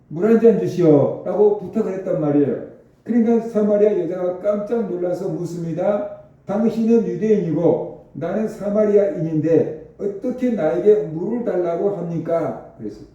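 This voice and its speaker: A man preaches in a very reverberant church sanctuary, his fairly high voice sounding dark and mellow. He explains Scripture and keeps asking his listeners rhetorical questions. The mic sits at a distance and the sound is somewhat dull. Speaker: pastor. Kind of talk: sermon.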